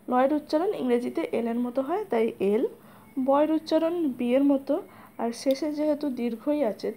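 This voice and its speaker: A woman teaching a spelling lesson, spelling out letters one by one in a slow, methodical way. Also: high-pitched, warm tone.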